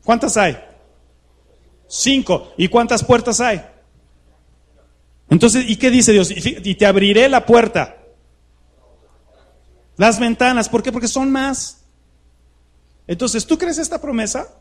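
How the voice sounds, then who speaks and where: Male preacher, light high voice, chatty sermon style, keeps asking the room questions. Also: takes it slowly, long pauses. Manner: conversational preaching full of rhetorical questions to the congregation. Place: church hall with a live congregation.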